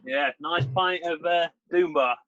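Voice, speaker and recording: A man, a guest talking in a relaxed, modest way over a video call from home. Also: high voice, measured pace, creaky, muffled recording. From England. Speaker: guest, sports writer. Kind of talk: casual interview chat.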